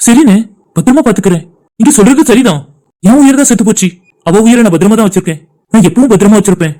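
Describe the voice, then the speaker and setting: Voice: medium pitch, animated, very fast, warm tone, lightly acted. A voice actor playing a grieving, guilt-ridden young man in a cartoon drama, sorrowful and apologetic. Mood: resigned.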